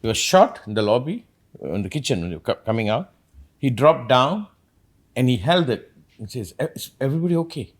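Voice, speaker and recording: A man hosting a reflective talk, an animated storyteller who acts out quotes as he rambles through his points. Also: medium pitch, moderate pace, long pauses. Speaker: podcast host.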